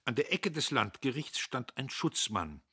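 Husky, expressive male audiobook narrator. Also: medium pitch, measured pace, no room sound, studio quality. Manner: expressive, dramatic. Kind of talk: scripted novel reading.

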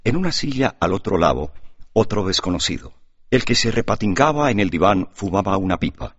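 A man narrating an audiobook in expressive scripted storytelling. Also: on the low side, a little fast, husky, dry recording. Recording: dull lo-fi audiobook recording.

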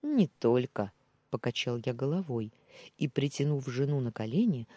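A man narrating a first-person audiobook, and his expressive reading lets the story's dialogue rise and fall. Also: mid-range voice, normal speed, husky, no echo.

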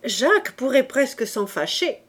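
Brief: high, loud, domineering mother, put on by a woman reading a novel aloud, shrill and indignant. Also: very animated, a little slow, breathy edge, heavily acted. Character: domineering, quick-tempered peasant-born mother. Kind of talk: audiobook reading.

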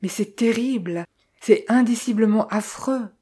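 A woman reading the lines of a distressed young woman in an audiobook, in a halting, distraught way. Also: on the high side, dark tone, breathy edge.

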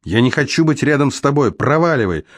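A man's voice: fairly low pitch, expressive, normal speed, no room sound, clean studio sound, natural voice. A male audiobook reader voicing a cursed young woman who snaps back sharply and resentfully. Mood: furious. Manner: sharp, resentful, snapping outbursts. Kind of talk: audiobook character voice.

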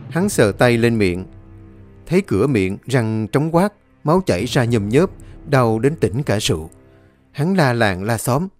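A man's voice: mid-range voice, a little mellow, no echo. Male ghost-story narrator.

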